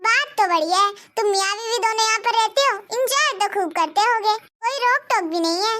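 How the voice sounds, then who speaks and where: Woman doing nosy cartoon girlfriends, super high, teasing n gossipy. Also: expressive, fairly quick, sharp tone, exaggerated voice. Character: nosy teasing young women friends. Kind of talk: Hindi cartoon dub.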